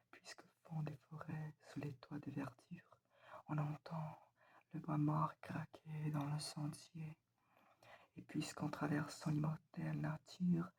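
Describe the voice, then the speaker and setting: Late at night in feel, a woman whispers an ASMR poetry reading, her voice soft, breathy, quiet and pitched low. She recites deliberately, leaving pauses between lines.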